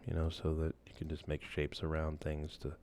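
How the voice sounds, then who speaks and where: A man walking through a software tool in a casual screen-share tutorial, loose and relaxed, with many fillers and restarts. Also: a bass voice, normal speed, slight background noise. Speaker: instructor.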